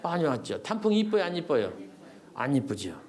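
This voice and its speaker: Fairly high in pitch and a little mellow, this older man's voice is very animated and runs a little fast. He's a Korean poet from South Korea delivering a folksy lecture to an older crowd, repeating words for emphasis as he asks questions and supplies the answers himself.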